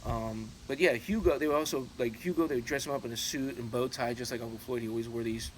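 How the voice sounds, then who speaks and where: A middle-aged man with a mid-range voice talks casually to his channel's viewers. His delivery is halting and loosely anecdotal, often circling back on itself. There is clear ambient noise behind him. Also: medium pitch. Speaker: YouTube channel host. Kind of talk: casual rambling chat to viewers. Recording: clearly noisy, steady background ambience.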